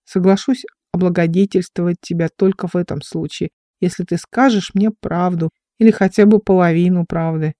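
Brief: reader voicing an injured young officer, teasing, dark mellow tone. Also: mid-range voice, steady tone, moderate pace, hardly any pauses, dry recording, studio quality, close to an everyday voice. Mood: coaxing.

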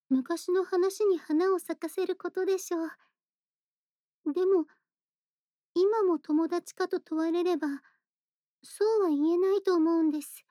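Lady doing a shy earnest young girl friend at bedtime, super high soft voice, slow and polite, kinda hesitant, audio roleplay. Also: dry recording, studio quality. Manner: polite, measured, thoughtful, hesitant. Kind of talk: soft bedtime voice-acted role-play, intimate monologue.

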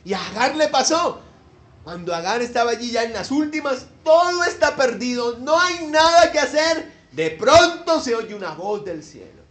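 A man preaching a Mother's Day sermon, animated and jokey, with outbursts and questions to the congregation. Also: extremely high pitch, normal speed. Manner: talks to the congregation with tag questions. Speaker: pastor.

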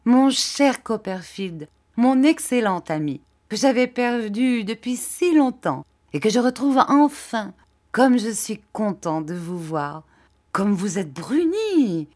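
A woman voicing an excitable, warm-hearted young male lawyer who gushes in breathless, drawn-out exclamations. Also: mid-range voice.

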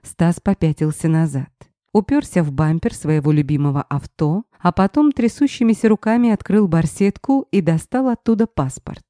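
A woman reads a first-person story aloud, telling it expressively. Her voice sits low and mellow, and the recording is close and dry. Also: normal speed, hardly any pauses, dry recording. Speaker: audiobook narrator.

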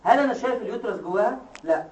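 A man with an Egyptian Arabic accent giving a classroom lecture, explaining step by step and quizzing his students with quick questions. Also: sits high, lively intonation, darkish tone, far from the mic, dull audio. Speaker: medical lecturer. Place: lecture hall. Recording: echoey hall, taped from afar.

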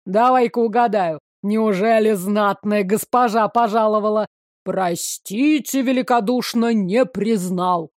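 A woman's voice: mid-range voice, darkish tone, dry recording, clean studio sound, natural voice. A woman playing a sneering male city guard. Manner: sneering, slow and taunting.

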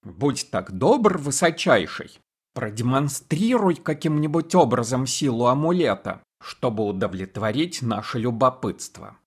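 A man's voice: medium pitch, very animated, unhurried. A man voicing a scheming female ruler who speaks in a honeyed, mocking way. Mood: sly.

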